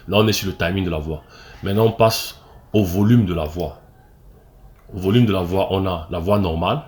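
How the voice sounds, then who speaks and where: Very low-voiced Cameroonian man coaching. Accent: Cameroonian French. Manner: explains step by step, many fillers and restarts, often checks "ok?". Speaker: acting coach. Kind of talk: screen-recorded tutorial.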